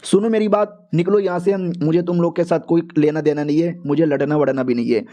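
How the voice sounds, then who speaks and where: A man's voice: a little high, fairly even intonation, fairly quick, dark tone, lightly acted. A man doing a cocky wisecracking young hero. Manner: smug, offhand, teasing.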